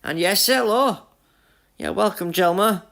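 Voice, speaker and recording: A young Yorkshire livestreamer talks a little slowly in a creaky, sharp-toned voice that's a touch high for a man. Playing a racing game, he keeps up casual, matey chat with viewers, greeting them by name, laughing often and joking about his bad luck.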